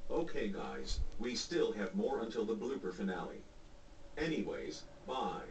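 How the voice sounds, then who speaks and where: A bossy man runs a comedy skit, calling cuts and scolding his actor. His voice sits low and rings in a roomy echo, with faint noise behind it. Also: sing-song, measured pace, distant mic. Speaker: director of a blooper skit.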